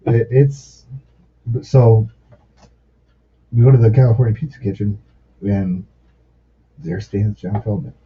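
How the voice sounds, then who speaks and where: Low-voiced, profane storytelling man. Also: slow pace, pauses often, husky. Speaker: podcast guest. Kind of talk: casual chat. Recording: muffled lo-fi podcast audio.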